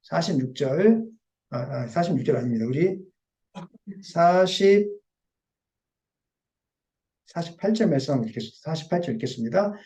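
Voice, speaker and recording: High-voiced preaching pastor, mellow tone. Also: male voice, normal speed, long pauses. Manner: animated preaching, acting out quoted voices, softening to quiet confession. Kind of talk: sermon. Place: church sanctuary.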